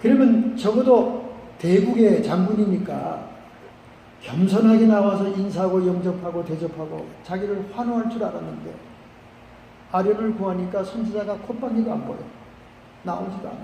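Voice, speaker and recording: A male pastor preaching a sermon, telling a story with lively acted-out voices and sudden shouts. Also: high-pitched, normal speed, gravelly, slight background noise. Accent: Korean. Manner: animated storytelling, acting out characters with shouts. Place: church sanctuary. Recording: echoey church hall.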